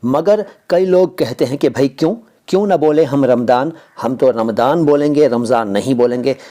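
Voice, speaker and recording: A man's voice: medium pitch, normal speed, mellow. A man from India, a language teacher explaining how words are pronounced, arguing his point with repeated rhetorical questions. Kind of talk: explaining word pronunciation to camera.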